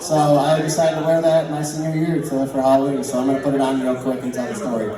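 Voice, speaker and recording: A young amateur stand-up storyteller tells a rambling, informal comedy story to a live audience, often interrupting himself. His medium-pitched voice is fast with little pitch movement. It's recorded from a distance in a large, echoey indoor space, with audience laughter and chatter.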